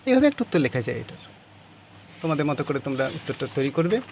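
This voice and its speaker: A man's voice: a little high, sing-song, quick pace, background noise. A man teaching a class, reading passages of a story aloud and explaining how to write the answers.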